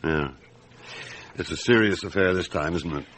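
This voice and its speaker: Deep-voiced Inspector Maigret. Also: male voice, a bit bright, a little hiss or hum. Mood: measured, probing. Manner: terse, measured questioning. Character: calm, observant French police chief inspector, narrating his case. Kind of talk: radio drama narration and dialogue.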